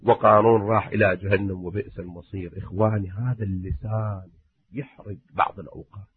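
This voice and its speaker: A man's voice: lowish voice, fairly even intonation, fast talker, no echo. Male preacher, impassioned storytelling, dry tinny lo-fi sound. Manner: impassioned, swings from loud warnings to hushed asides. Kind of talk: sermon storytelling. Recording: muffled, narrow phone-like sound, husky and dry.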